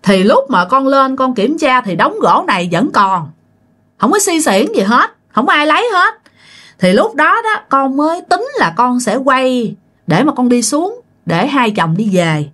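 A woman telling a ghost story, animated, with frequent exclamations and asides to her listeners. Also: high voice, a little slow.

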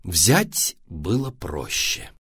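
A man narrating a children's story in an expressive, lively reading style. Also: low-pitched, very slow, husky, no echo, clean studio sound.

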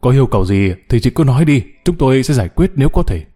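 A man voicing a calm, helpful male police officer in an audiobook. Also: mid-range voice, close to an everyday voice. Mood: reassuring. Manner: brisk, matter-of-fact.

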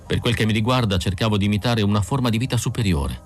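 A man's voice: fairly low pitch, fast, faint music behind, lightly acted. A man reading an audiobook voices a cold, scornful female android fugitive in an icy, hostile manner. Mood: cold contempt.

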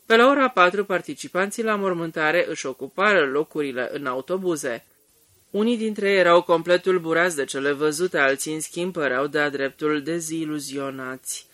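A man narrating an audiobook in a steady, measured reading. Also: a little high, no echo. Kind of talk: scripted narration.

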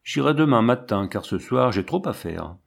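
A man reading the part of a cold, detached middle-aged woman who speaks calmly. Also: medium pitch, normal speed, gravelly, husky. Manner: calm, detached.

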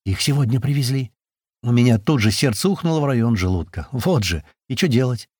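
A man reading a first-person audiobook aloud, brisk storytelling with voiced dialogue. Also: medium pitch, sing-song, darkish tone, no echo, studio quality. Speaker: audiobook narrator.

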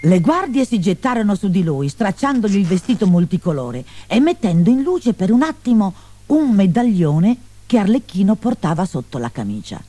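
A storyteller reading a fairy tale aloud with expressive, animated delivery. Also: mid-range voice, moderate pace.

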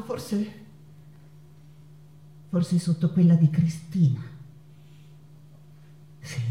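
Actress as dramatic Frida Kahlo, slow and echoing. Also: female voice, medium pitch, warm tone, natural voice. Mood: bitter, low. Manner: dramatic, halting delivery with drawn-out phrases and repetitions. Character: passionate, wounded Mexican woman painter, wife remembering her unfaithful husband. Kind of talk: theatrical stage monologue. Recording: roomy echo with guitar music. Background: acoustic guitar music.

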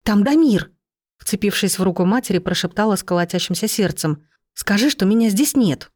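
Woman doing a fed-up young woman, defensive, pleading, voice pushed higher, dry sound. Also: lively intonation, a little fast, a little mellow, no echo, close to an everyday voice. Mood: panicked. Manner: exasperated, pleading.

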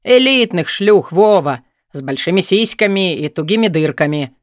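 A man doing Mark, a pushy excited young pal. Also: fairly high pitch, moderate pace, dry recording, studio quality. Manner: eager, crude, insistent. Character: pushy excitable young man, loud party-loving friend.

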